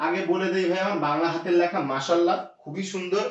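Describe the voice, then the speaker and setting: A man's voice: high-pitched, fairly even intonation, fast. A man teaching an English grammar lesson, explaining step by step and often asking his students rhetorical questions. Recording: echoey distant lo-fi room sound.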